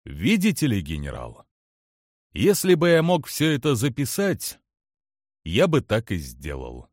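A man reading the lines of a calm, analytical alien male commander in an audiobook, measured and precise. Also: medium pitch, no room sound, studio quality. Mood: calm, composed.

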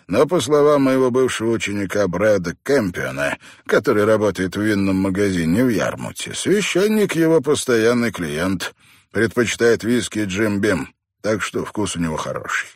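Grumbling older teacher, wry and grumpy, read by a man; low, lively delivery. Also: normal speed, no room sound, clean studio sound. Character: older male teacher, grumpy hospital patient.

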